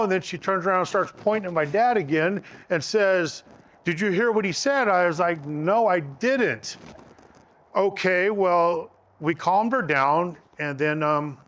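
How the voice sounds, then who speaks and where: A man's voice: fairly high pitch, fairly bright tone. A middle-aged man casually telling his engagement story, rambling with fillers and restarts.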